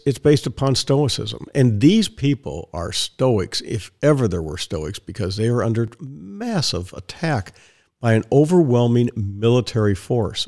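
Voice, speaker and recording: A podcast host talks alone into the mic, his medium-pitched, darkish voice hoarse and raspy from strained vocal cords. He rambles and digresses, repeating words and restarting his sentences.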